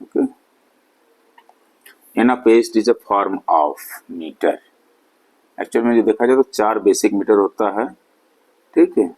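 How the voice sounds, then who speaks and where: A male lecturer works through exam questions at a very slow, deliberate pace. His voice sits slightly low, and he drops into rapid Hindi asides to explain each answer. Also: darkish tone, rough recording. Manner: reads questions slowly then explains in quick Hindi asides. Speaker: English literature lecturer. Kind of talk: exam-prep lecture in Hindi-English mix.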